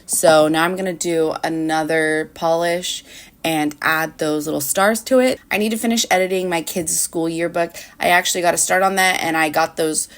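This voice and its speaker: A woman's voice: deep voice, fairly even intonation, moderate pace. A woman in her early thirties chatting casually in a rambling, conversational way for a home vlog, often saying "like". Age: early 30s. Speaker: vlogger. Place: indoors at home.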